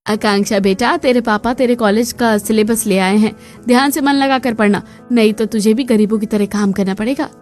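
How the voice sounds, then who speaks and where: A woman voicing an arrogant, rich middle-aged mother in a cartoon story, sharp and scornful. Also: on the high side, fairly even intonation, fairly quick, faint music behind, natural voice.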